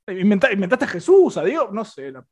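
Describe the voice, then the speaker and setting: A young man with a Rioplatense accent, co-hosting a casual film review podcast in an animated, joking way. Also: brisk, breathy edge. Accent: Rioplatense Spanish. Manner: animated, joking, voice swings high and low. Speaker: podcast co-host.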